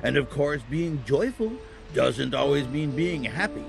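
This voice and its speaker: Casting: male actor as patient old saintly Santa for family audio drama, lively intonation, gentle halting storyteller, music underneath. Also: medium pitch, vocal fry. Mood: warm, reflective.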